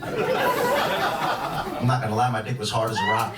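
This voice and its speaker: Over a noisy crowd and heavy background noise, a young Chicago comedian rambles through his set on a club stage, restarting often as the audience laughs. His medium-pitched voice swings hugely in pitch and runs a little slow, recorded from far off in an echoey room.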